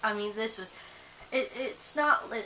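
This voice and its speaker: Slightly high and a little slow, the young woman's voice has a sharp edge as she vlogs casually to camera. A native Swedish speaker, she rambles drowsily with frequent fillers and restarts. Faint hiss marks the rough recording.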